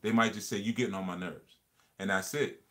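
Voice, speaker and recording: Brisk and a bit bright, this fairly low, steady male voice belongs to a livestream host leading a casual discussion. He speaks with earnest reflection, often echoing his own phrases while explaining an idea.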